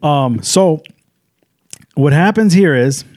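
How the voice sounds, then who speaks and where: A man's voice: on the high side, animated, slow pace, a little mellow, no room sound, clean studio sound. A man co-hosting a podcast, chatting casually and rambling as he retells movie scenes. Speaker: podcast co-host. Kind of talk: casual movie review chat.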